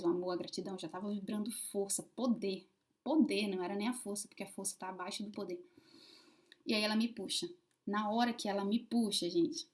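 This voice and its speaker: Expressive woman telling a story. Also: mid-range voice. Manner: expressive, swings between loud emphasis and hushed asides. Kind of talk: casual personal storytelling to camera.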